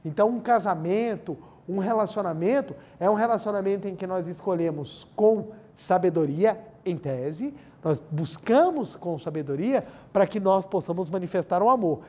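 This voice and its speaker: Man, Brazilian accent, spiritual lecture, mellow tone, breathy edge, repeats his points. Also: high voice, expressive, moderate pace, few pauses. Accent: Brazilian Portuguese. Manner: anecdotal, addresses listeners as "gente", repeats key phrases.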